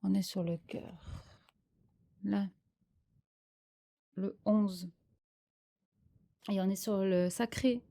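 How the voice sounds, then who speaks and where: A woman's voice: mid-range voice, steady tone, drawn-out words, vocal fry, long pauses, mellow. A French-speaking woman giving a spiritual tarot reading, hesitant and searching for words with many fillers. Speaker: tarot card reader.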